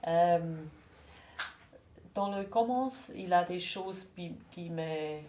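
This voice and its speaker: A woman guest with a Swiss German accent, a native German speaker, chatting in halting, broken French and slipping into German words. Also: on the low side, mellow. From Switzerland. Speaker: interview guest. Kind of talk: casual radio-style conversation.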